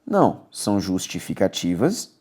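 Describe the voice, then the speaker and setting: A man's voice: low voice, moderate pace, breathy edge. A man with a Brazilian accent teaching an exam-prep grammar lesson, coaxing and repetitive, often checking in with his students. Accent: Brazilian Portuguese. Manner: lively, coaxing, repeats key words, checks in with "beleza?".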